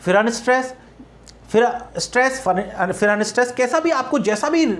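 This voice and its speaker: A woman's voice: fairly high pitch, lively intonation, normal speed. Woman, teacher, exam-prep lecture, repetitive, rhetorical questions, counts out beats. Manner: repetitive, asks rhetorical questions, frequent "ठीक है ना?"; drills patterns by counting out stress beats.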